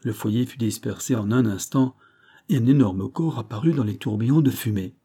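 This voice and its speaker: A man reading a classic adventure novel aloud as an audiobook narrator, in a measured, even literary manner. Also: mid-range voice, husky.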